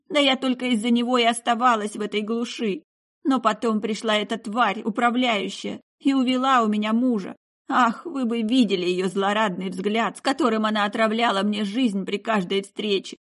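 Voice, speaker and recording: Audiobook figure: remorseful middle-aged mother, emotional outbursts, higher voice, read by a woman. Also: moderate pace, a bit bright, natural voice. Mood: anguished.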